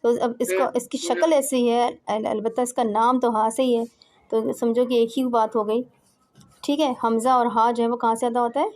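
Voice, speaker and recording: A woman's voice: on the high side, steady tone, a little mellow. A woman giving an informal home lesson, patiently demonstrating throat sounds step by step. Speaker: Quran pronunciation teacher. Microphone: home recording, phone.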